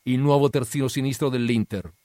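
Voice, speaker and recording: A man voicing a proud, prickly young jazz bassist who answers with defiant sarcasm. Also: steady tone, a little fast, warm tone, dry recording, studio quality, close to an everyday voice.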